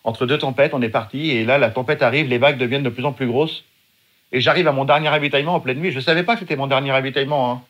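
A middle-aged Frenchman with a medium-pitched voice speaks fast with fairly even intonation. Appearing as a guest, he tells his own story dramatically, with vivid, emphatic delivery and acted-out shouted quotes.

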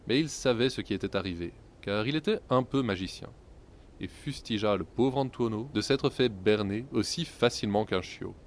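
Low-voiced man telling a wry fairy tale. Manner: wry, ironic storytelling. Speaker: storyteller. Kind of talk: scripted fairy-tale narration.

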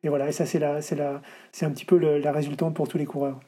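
A middle-aged man talks fast as an interview guest, his voice husky and dark. He stumbles through fillers and restarts, circling back to finish his thoughts. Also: on the high side, little pitch movement. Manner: hesitant, many fillers and restarts. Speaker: ultra-distance runner guest. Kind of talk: interview answers.

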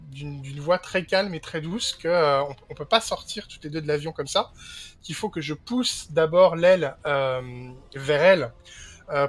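Male player, slightly higher pitch, voice-chat mic; hesitant storyteller who keeps restarting. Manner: hesitant, full of fillers and restarts. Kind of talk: narrating his character's actions in a tabletop game. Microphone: push-to-talk voice chat.

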